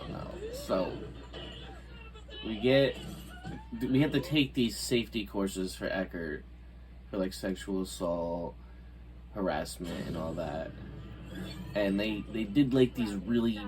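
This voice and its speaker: A young adult man chatting casually as a vlog guest, laid-back and halting, with slangy wording. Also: fairly low pitch, rough recording. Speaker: guest boyfriend. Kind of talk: casual chat.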